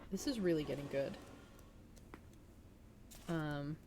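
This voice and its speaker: Low-pitched and mellow, this woman's voice moves at a slow pace as she hosts a livestream. She alternates between storytelling-style reading aloud and informal chat with viewers, with a slight hiss or hum in the background.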